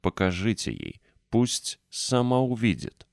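Man voicing a sobbing panicky sick boy, wheezy, raised pitch, dry sound. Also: huge pitch swings, measured pace, gravelly, no room sound, exaggerated voice.

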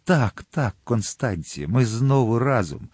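A man's voice: mid-range voice, very animated, unhurried, darkish tone, husky, dry recording, studio quality. A man voicing an ardent young swordsman in a storybook reading, with an urgent, exclaiming delivery.

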